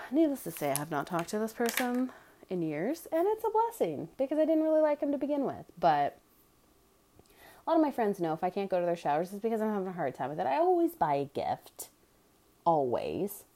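A woman's voice: mid-range voice, huge pitch swings, moderate pace, warm tone. A woman candidly telling a personal story in casual chat, blunt and chatty with sarcastic asides.

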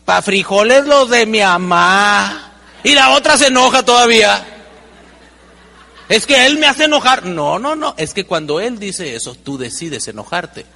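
High, gravelly man in a hall. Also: unhurried. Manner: animated, acts out dialogues with humor. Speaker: motivational speaker. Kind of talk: live seminar talk. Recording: long hall reverb.

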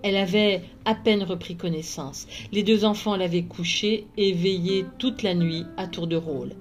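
A woman, a librarian, reading a children's storybook aloud with measured, expressive narration. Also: on the low side, soft background music.

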